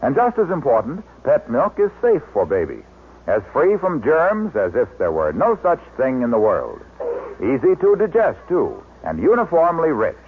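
A man's voice: medium pitch, huge pitch swings, normal speed, slight background noise. An American man announcing in a chipper 1950s radio ad style, with a polished, emphatic sales delivery. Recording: vintage radio broadcast, narrow phone-like band.

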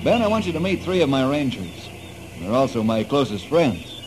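A genial, steady head ranger, played by a male actor, speaking in a friendly explanatory way. The style is vintage radio adventure, with clear noise on the recording. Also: medium pitch, normal speed, natural voice. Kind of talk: old-time radio adventure acting. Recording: noisy old radio drama recording.

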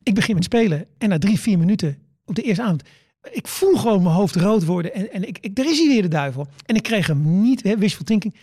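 A man's voice: high-pitched, expressive, fast, few pauses, mellow, husky, dry recording, clean studio sound. A middle-aged man, a stand-up comedian, telling stories in casual chat, stammering and restarting and acting out what he said. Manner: stammering restarts, repeats words; acts out his own quoted words.

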